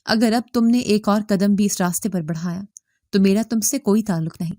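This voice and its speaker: Story figure: stern scolding father, dark tone, dry read, woman narrator doing the lines. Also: medium pitch, no echo, natural voice. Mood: harsh. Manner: scolding, bitter. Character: angry stern middle-aged father, harsh husband.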